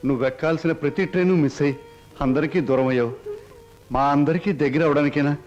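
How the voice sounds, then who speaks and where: An actor playing a kindly, childless old man who gently and affectionately asks a girl to stay with them. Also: fairly high pitch, quick pace, lo-fi sound, over music, natural voice. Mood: tender. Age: older. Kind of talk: Telugu film drama acting.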